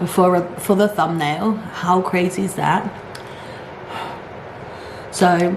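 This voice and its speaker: A middle-aged woman chatting and ranting casually to camera in an animated, complaining way. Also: medium pitch. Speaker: mukbang vlogger. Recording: echoey room, clear background noise.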